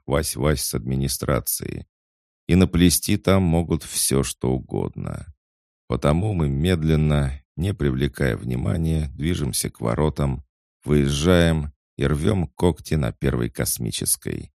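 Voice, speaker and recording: A man voicing a gruff squad leader barking orders. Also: very deep voice, expressive, a little slow, a little mellow, no room sound, studio quality, exaggerated voice. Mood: commanding. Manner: gruff, barks orders, swears. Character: tough male hunter squad leader, curt and commanding.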